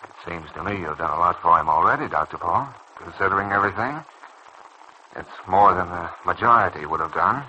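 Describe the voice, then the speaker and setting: In a dull, noisy old radio recording, a man with a low, bright, forceful voice speaks a little fast. He plays a glum, bitter young surgeon in a mid-century radio soap opera, sounding hesitant and sceptical.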